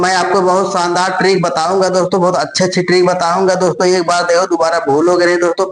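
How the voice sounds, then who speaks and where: A man's voice: sits high, echoey room, low-quality recording. A man teaching an exam-tips lesson, repeating phrases and often restarting words. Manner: repetitive, keeps addressing friends.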